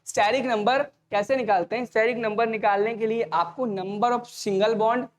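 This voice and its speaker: A man teaching an online exam-prep lecture, talking fast and repeating each point as a question to the students before answering it himself. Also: high voice, fairly even intonation. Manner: casual, addresses students directly.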